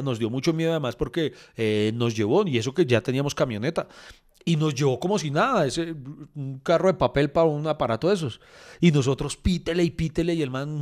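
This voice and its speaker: A man with a Bogotá Colombian accent telling animated stories in a casual chat, acting out dialogue and laughing often. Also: fairly high pitch.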